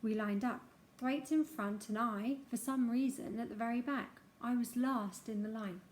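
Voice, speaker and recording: A woman narrating a childhood memoir aloud in an expressive storytelling manner. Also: on the high side, moderate pace, slight background noise.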